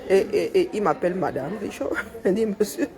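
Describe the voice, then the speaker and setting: A woman with a Cameroonian French accent who films her coworkers on her phone in a workplace break area. She talks loudly and teases them with joking banter. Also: medium pitch, normal speed, a crowd in the background. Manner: loud, teasing, joking banter. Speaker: vlogger filming coworkers. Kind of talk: casual workplace vlog chat. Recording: coworkers chatting in the background.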